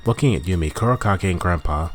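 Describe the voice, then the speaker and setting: A man with a very deep, low voice reads a story game's text aloud in a steady, measured way. Now and then he stumbles and corrects himself, while soft game music plays behind him. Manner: steady, measured reading with small slips. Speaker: gaming channel host.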